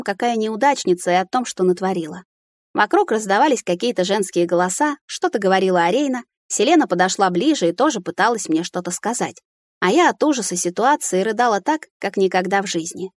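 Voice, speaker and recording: Expressive woman reading a fantasy audiobook. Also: mid-range voice, no room sound, clean studio sound. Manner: emotional, expressive reading with tearful dialogue. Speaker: audiobook narrator. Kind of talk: first-person fantasy audiobook narration.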